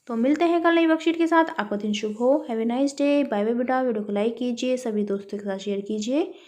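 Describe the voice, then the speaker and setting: A woman's voice: on the high side, brisk, a little mellow. A woman teaching a worksheet lesson to young children, spelling words out syllable by syllable and calling her listeners beta. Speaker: primary school teacher.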